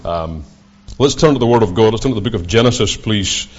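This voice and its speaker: A Scottish preacher with a thick, broad accent and a fairly low voice. He delivers his sermon in measured, halting phrases. The recording sounds dull and a little lo-fi. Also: animated. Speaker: visiting preacher. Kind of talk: sermon with scripture readings.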